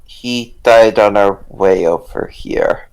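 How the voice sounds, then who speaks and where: A man's voice: on the low side, slow, clear, resonant tone, rough recording. A man playing a tabletop game, speaking hesitantly and apologetically. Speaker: player.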